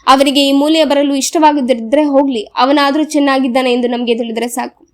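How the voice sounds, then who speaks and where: A woman reading the lines of a grieving elderly village mother who speaks softly and without hope. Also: high voice, fairly even intonation, fairly quick, close to an everyday voice. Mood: soft pleading. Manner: soft, despairing.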